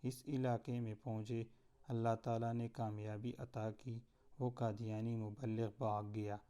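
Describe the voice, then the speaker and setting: A man narrating a devotional story in a solemn, measured way. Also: medium pitch, little pitch movement, mellow, clear, resonant tone.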